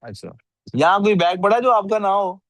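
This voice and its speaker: Delivering a classroom lecture, this male teacher has a high-pitched, sing-song voice at normal speed, recorded without echo. He keeps firing questions at the class and tells off students who are nodding off.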